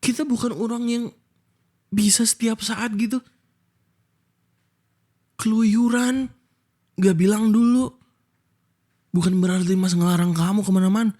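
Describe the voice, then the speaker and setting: A man's voice: high voice, fairly even intonation, measured pace, long pauses, warm tone. A young Indonesian man in a whispered role-play as a husband, scolding his wife with hurt reproach.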